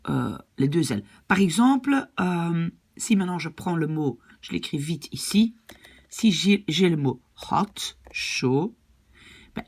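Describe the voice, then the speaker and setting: A woman's voice: sits low, gravelly, husky. A woman language teacher patiently explaining grammar rules and often checking that her students follow.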